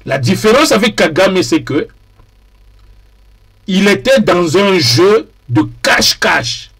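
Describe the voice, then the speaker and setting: A man speaking in a deliberate, emphatic way and repeating key phrases for weight, as a TV political commentator. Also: high voice, very animated, fairly bright tone, slightly rough. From DR Congo.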